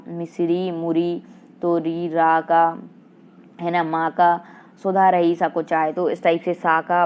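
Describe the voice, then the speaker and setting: A woman teaching an exam-prep grammar lesson with a Madhya Pradesh Hindi accent, asking rhetorical questions and answering them herself, and reading verse lines slowly. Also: fairly low pitch. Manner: slow sing-song recitation of verse lines. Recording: dull lo-fi online class audio.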